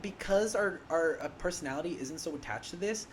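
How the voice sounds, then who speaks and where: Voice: medium pitch, expressive, brisk, a little hiss or hum. A young podcast co-host in easy, casual conversation, with a mid-range voice that moves expressively up and down. Their talk is chatty and full of "like" and "you know". Faint room ambience sits underneath. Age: 20s. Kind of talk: casual chat.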